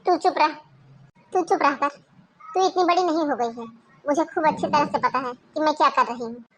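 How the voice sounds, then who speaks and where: A woman voicing a scolding, greedy middle-aged mother-in-law in a cartoon, talking in a sharp, nagging, taunting way. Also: sits high, normal speed, a little hiss or hum. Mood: angry. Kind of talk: Hindi cartoon voice acting.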